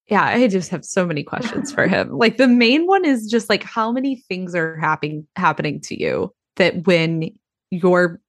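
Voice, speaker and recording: Slow, lively-toned woman host, dry sound. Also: on the low side, no echo. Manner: reactive listener, laughs often, teasing asides. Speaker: podcast host. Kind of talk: casual chat.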